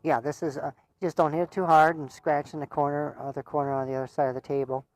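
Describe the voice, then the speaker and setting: A man's voice: on the high side, flat delivery, fast talker. A man giving casual live commentary on a pool match. He chats, laughs often, and stumbles over repeated words.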